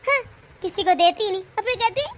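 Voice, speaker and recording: A lazy, scheming younger daughter-in-law, voiced by a woman in a cartoon family drama. She grumbles and complains in a very high, bright and sharp voice. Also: lively intonation, brisk, a little hiss or hum. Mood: grumbling.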